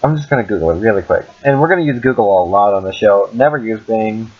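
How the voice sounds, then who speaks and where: A man's voice: fairly low pitch, expressive, quick pace. A young American man co-hosting a podcast in casual group chat. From Wyoming, USA. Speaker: podcast co-host. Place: outdoors in a park. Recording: dull lo-fi amateur recording.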